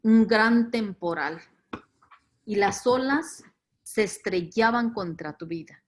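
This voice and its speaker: She takes it slowly, her voice mid-range, as she leads a virtual faith formation talk reflecting on scripture. The woman, who has a Latin American Spanish accent, is reflective and repeats words to underline key points.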